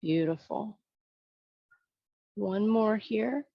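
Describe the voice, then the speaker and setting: Serene, slow-paced woman guiding tai chi. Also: medium pitch, creaky, dry recording, dull audio. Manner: serene, soothing, unhurried tai chi cueing. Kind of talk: gentle guided movement cues.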